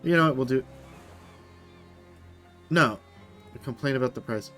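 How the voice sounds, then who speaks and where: A man's voice: mid-range voice, a little slow, pushed and bright, soft background music. A man chatting casually through a let's play, with rambling, self-mocking asides. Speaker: gamer.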